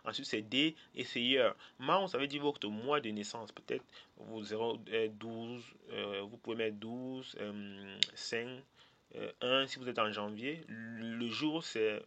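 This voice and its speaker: A man from Cameroon, walking viewers step by step through an online form, reading English labels aloud and pausing on fillers. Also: medium pitch, bright, forceful tone. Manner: hesitant, many "euh" fillers, repeats points. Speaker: tutorial presenter. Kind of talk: screen-share walkthrough of an online form.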